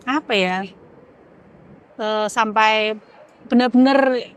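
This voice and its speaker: A woman, a podcast guest giving a candid, emotional personal testimony, halting and searching for words, teary-eyed. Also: on the high side, steady tone, smooth, highs cut off.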